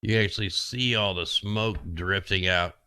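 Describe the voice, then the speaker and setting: A man's voice: deep voice, fairly even intonation, moderate pace, sharp tone, clean tone, dry recording. A man casually talking through weather maps as host, rambling and conspiratorial, with his voice getting worn. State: losing his voice. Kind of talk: casual screen-share commentary.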